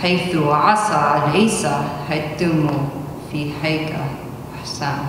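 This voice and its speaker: A woman's voice: sits low, fairly quick, background noise. A young woman at an open mic, speaking hesitantly with many fillers before reading a poem at a podium. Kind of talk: spoken word poetry reading. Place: large indoor hall, at a podium. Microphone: stand mic at podium, recorded by far camera. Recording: echoey hall recorded from far off.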